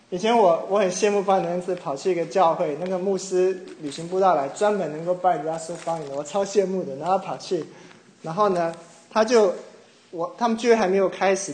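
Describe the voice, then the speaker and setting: A middle-aged man from Taiwan preaching a sermon, telling a personal story with animated mimicry of others. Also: high-pitched. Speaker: pastor. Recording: echoey room with faint ambience.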